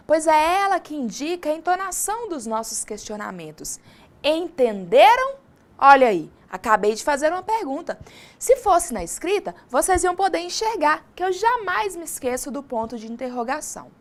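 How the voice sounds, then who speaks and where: A woman teacher from Brazil with a Brazilian Portuguese accent, giving a recorded distance-learning lesson and often asking her students questions. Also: high-pitched. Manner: lively, addresses students directly with questions.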